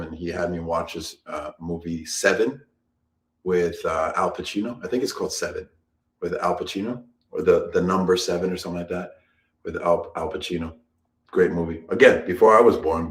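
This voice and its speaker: A man's voice: sits low, roomy sound. A man co-hosting a casual live-stream chat, rambling and repeating himself as he talks. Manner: rambling, repeats phrases, laughs often. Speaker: co-host.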